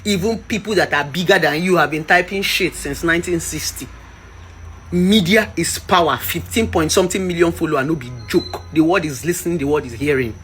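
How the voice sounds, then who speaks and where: A woman's voice: lowish voice, a little fast, faint music behind. Nigerian woman, 30s, vlogger; fiery, preachy opinion rant. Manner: impassioned, preachy, mixes in Pidgin.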